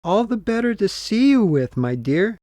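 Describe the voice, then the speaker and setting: A man voicing a sly male wolf who fakes a thin, high old woman's voice to coax and trick, read for a classroom storybook recording. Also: sing-song, normal speed, a little mellow, no echo, studio quality. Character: sly male wolf faking a frail granny voice.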